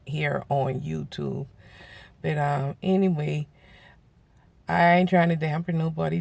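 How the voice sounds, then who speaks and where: A man, telling a story to his viewers in a casual, animated way and acting out the voices of people he quotes. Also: a little high. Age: 40s. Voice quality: gravelly. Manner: animated, acts out quoted voices, laughs often. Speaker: vlogger.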